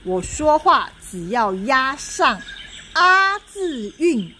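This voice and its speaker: A proud ghost general in a storybook, scornful and barking orders at his soldiers, as a woman narrator puts him on. He speaks slowly and with wide swings of pitch, over faint room noise. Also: big pitch swings, sharp tone, full character voice. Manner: scornful, commanding. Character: haughty ghost general, adult male.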